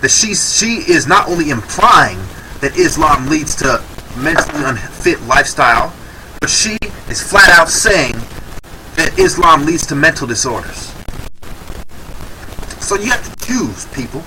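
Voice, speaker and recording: A man's voice: a little high, very animated, a little slow, sharp tone, recorded from a distance, a little hiss or hum, rough recording. A man giving heated, sarcastic commentary on a video clip.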